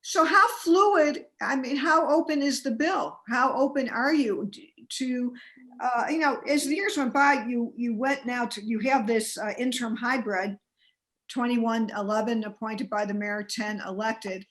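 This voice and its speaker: Female journalist on a live panel, higher voice, probing, stop-start phrasing. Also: a bit bright, poor audio. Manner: halting, restarting questions, interjecting. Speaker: interviewer, journalist. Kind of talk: live panel interview, questioning.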